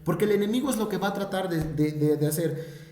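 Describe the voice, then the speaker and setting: A man's voice: high voice, fast, dark tone. A Mexican man teaching a Bible lesson in an earnest preaching manner, often repeating words as he searches for the next phrase. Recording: echoey room.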